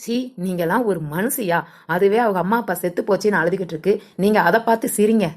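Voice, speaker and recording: A woman voicing a fussy, excitable village woman in a cartoon who exclaims and complains. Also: medium pitch, fast, noisy background, lightly acted. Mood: fretful. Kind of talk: cartoon voice acting.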